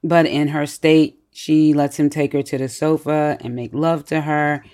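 A podcast co-host in a casual book discussion, retelling the story in an animated way with many fillers and frequent laughter. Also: mid-range voice, measured pace. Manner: laughs often while retelling.

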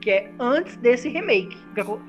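A woman hosting a casual movie review podcast, leading the talk in a quick, enthusiastic way. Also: a little high, animated, soft background music. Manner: quick, enthusiastic, leads the segments. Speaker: podcast host.

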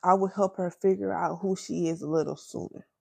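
A woman in her twenties talks openly in slangy, halting chat, close to tears. Her voice sits low with a gravelly fry. The sound is dry and close, with no room around it. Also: steady tone, warm tone, no echo. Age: 20s. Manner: candid, emotional, slangy, halting. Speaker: podcast host. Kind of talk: personal casual chat.

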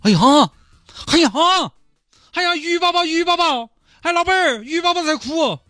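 A man with a Sichuanese accent voicing an excitable, soft-hearted man who gushes and wheedles for a dolphin's life. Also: moderate pace, no echo, studio quality, faint music behind, exaggerated voice. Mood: pleading. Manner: shrill, gushing, wheedling.

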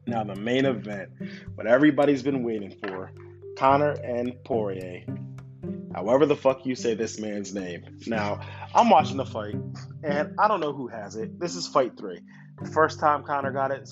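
Man ranting over loud guitar music. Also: mid-range voice, highs cut off. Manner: swears constantly, animated, asks the audience questions. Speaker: commentator on fights. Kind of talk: casual profane rant to camera.

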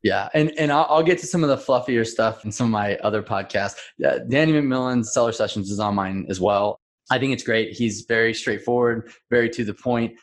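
A man's voice: medium pitch, a little fast. A man speaking as a podcast guest in casual chat, easygoing and laughing between points.

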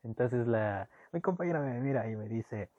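Young man, animated anecdote teller; dry, muffled lo-fi take. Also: medium pitch, normal speed, no echo. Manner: animated, swings between loud bursts and hushed asides. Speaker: storyteller. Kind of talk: casual personal anecdote. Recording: dull lo-fi dry recording.

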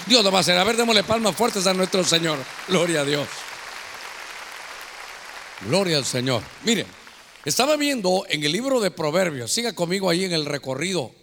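A man preaching a sermon as pastor, with drawn-out, playful delivery. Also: high voice, pushed and bright, slight background noise. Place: church.

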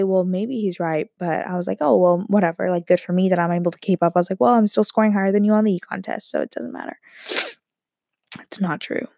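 Her voice is medium-pitched with vocal fry and throaty because she has a cold: a young woman rambling through a personal story, animated and joking, often cutting herself off. The studio recording is clean, with no room sound.

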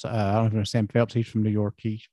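A man's voice: fairly low pitch, completely flat delivery, very fast, mellow, dry recording, studio quality. A middle-aged man with a Southern US accent hosting a casual interview, telling folksy, rambling stories. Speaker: podcast host.

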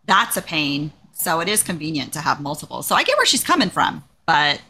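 A woman in her forties co-hosting a podcast, telling work stories in a casual, animated way. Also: a little fast, slightly rough. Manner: animated storyteller, jumps up in pitch for quoted voices. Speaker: podcast co-host. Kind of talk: casual chat.

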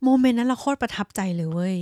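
Fast-talking high-voiced woman. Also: no room sound, studio quality. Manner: lively storytelling, quick and animated. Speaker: podcast co-host. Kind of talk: casual travel chat.

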